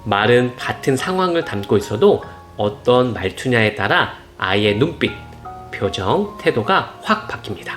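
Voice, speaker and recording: Gentle father narrating over soft music. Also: big pitch swings, normal speed. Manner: gentle, reassuring tone, acts out parent and child quotes in higher voices. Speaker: parenting channel host. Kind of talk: scripted narration. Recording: soft instrumental music behind.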